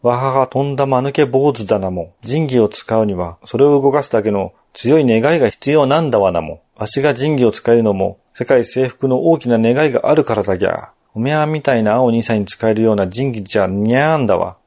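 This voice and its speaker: Villain: boastful frog emperor with a Nagoya dialect, voiced by a man, dark and warm. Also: mid-range voice, expressive, brisk, hardly any pauses, natural voice. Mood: gloating. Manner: boastful, taunting, dialect-heavy speech.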